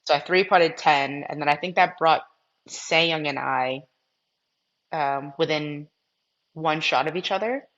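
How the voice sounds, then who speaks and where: A woman's voice: low-pitched, a little slow, pauses often, a bit bright, lo-fi sound. A woman in her twenties from Massachusetts, a professional golfer telling stories as a podcast guest, chatty and full of "like" and "um". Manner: chatty, frequent fillers like "like" and "um". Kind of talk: casual storytelling interview.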